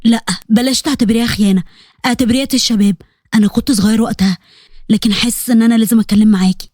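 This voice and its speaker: Casting: a woman doing a pleading young man, Egyptian accent, soft earnest tone, fast dry read. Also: fairly high pitch, fairly even intonation, no echo, close to an everyday voice. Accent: Egyptian Arabic.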